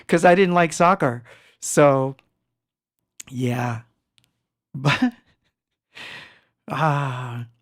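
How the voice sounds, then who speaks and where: In clean studio sound with no echo, a middle-aged Argentine livestream host speaks in a mid-range voice with vocal fry. Chatting casually from his home studio, he rambles, laughs often and welcomes chat viewers by name.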